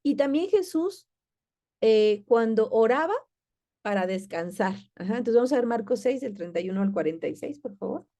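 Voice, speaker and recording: Mellow-voiced woman teaching a Bible class. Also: a little high, expressive, moderate pace. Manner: warm, conversational, with many fillers and restarts.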